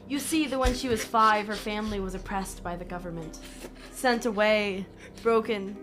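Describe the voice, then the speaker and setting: A woman running a tabletop role-playing game as game master, narrating in a lively manner, often laughing and correcting herself. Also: mid-range voice, moderate pace, over music.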